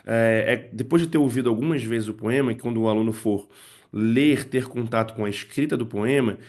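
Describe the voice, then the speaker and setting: Speaking a little fast in a darkish, mid-range voice, a man teaches parents and teachers how poems can work in English lessons. His explanation moves step by step, dotted with "né" and "tá" check-ins.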